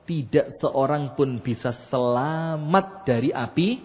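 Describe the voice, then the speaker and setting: A preacher voicing a hushed, worried angel. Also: male voice, medium pitch, slow, pitched below the performer's own voice, lightly acted. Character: anxious angel pleading low and hushed. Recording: echoey hall on a tinny phone-like line.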